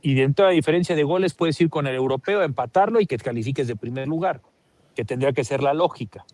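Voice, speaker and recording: A man with a Mexican accent hosting a live sports talk show, animated and joking, with lots of restarts. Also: mid-range voice, quick pace, no echo.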